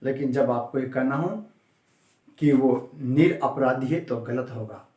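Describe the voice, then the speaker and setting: A man's voice: mid-range voice, steady tone, unhurried, mellow, roomy sound. A man teaching a grammar lesson, stressing and stretching key words and answering his own questions to the class. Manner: emphatic, repeats and drags out key words; asks students questions and answers them himself.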